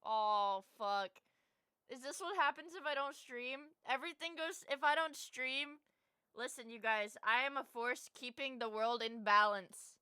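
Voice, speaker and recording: A woman's voice: high-pitched, measured pace, bright, forceful tone, clean tone, dry recording. A young woman livestreamer chatting casually with her viewers in a cute anime-streamer manner, gushing and swearing freely.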